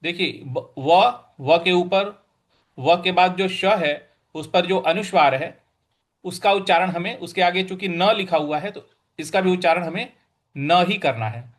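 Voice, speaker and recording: Slow, high-voiced man teaching verse recitation. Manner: patient, repeats each word slowly, chants verses. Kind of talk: slow recitation and pronunciation lesson.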